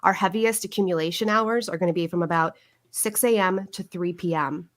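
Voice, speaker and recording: A woman with a slightly low voice gives a radio weather forecast. She talks in a cheerful, chatty way and laughs easily with the hosts. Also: a little fast. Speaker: meteorologist.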